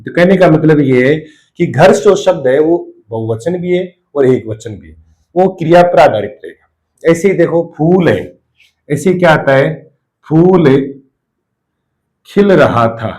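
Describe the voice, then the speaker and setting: Male grammar teacher, slightly raised pitch, drills and repeats examples for exam students. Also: animated, a little mellow, poor audio. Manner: repeats key terms, drills example sentences slowly. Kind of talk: exam-prep grammar lesson.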